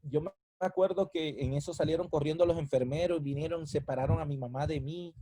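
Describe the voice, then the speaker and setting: Emotional preacher, dark dry voice. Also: male voice, on the high side, brisk, dry recording, poor audio. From Colombia. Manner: emotional, rising to near-shouting at climaxes then dropping soft. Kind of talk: sermon with personal testimony.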